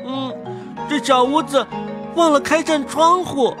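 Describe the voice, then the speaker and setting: A woman voicing a tiny, bold and cheeky boy hero in a storybook reading, with a shrill, teasing way of calling out. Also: measured pace, music in the background. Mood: startled. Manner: shrill, teasing, calls out loudly.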